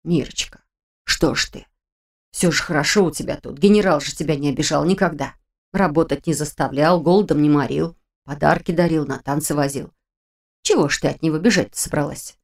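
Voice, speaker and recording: A woman voicing a fussy elderly female cook who scolds with care, in a lower, hushed, hoarse and folksy voice. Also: fairly quick. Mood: worried scolding.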